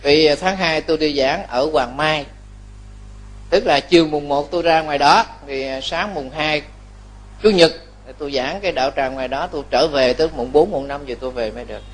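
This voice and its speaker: A man's voice, a Buddhist monk speaking, pitched fairly high for a man. He preaches in a lively storytelling way, often checking with his listeners that they agree. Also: fairly quick. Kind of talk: Dharma talk sermon.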